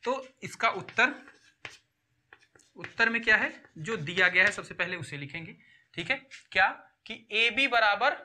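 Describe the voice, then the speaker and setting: A man's voice: high-pitched, animated, a little slow, sharp tone. A man teaching a school maths lesson step by step, often repeating himself and checking in with his students. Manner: addresses students as children, repeats and checks with "theek hai". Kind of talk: classroom-style maths lesson.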